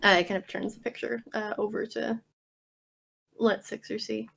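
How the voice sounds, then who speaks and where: A woman's voice: fairly high pitch, flat delivery, normal speed, gravelly, a bit bright, slight background noise. A woman playing a tabletop role-playing game, hesitantly describing her character's actions with many fillers. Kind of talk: casual play and narration of actions.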